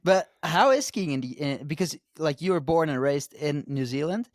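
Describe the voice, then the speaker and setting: A man's voice: on the high side, expressive, moderate pace, dry recording, studio quality. A man co-hosting a podcast, asking friendly, chummy questions in casual chat. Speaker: podcast co-host.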